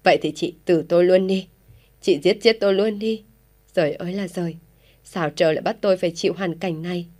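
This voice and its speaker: A woman's voice: fairly low pitch, fairly even intonation, fairly quick, dark tone, lightly acted. A woman reading an audio story voices an anguished middle-aged mother, lamenting in despair.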